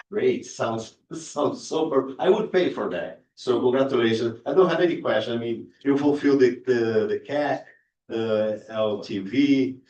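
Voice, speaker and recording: A man acting as judge who gives friendly, hesitant feedback on a pitch, stopping and restarting often. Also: darkish tone. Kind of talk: spoken feedback. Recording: echoey room, distant mic.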